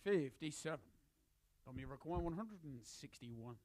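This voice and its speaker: A man working as a darts score caller, announcing scores and checkouts in a formal, emphatic, drawn-out style. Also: on the high side, animated, darkish tone.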